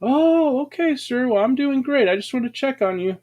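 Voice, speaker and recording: Guy doing a squeaky polite nurse lady, worried, lots of "sir". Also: lively intonation, normal speed, darkish tone. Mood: concerned. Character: concerned female hospital nurse.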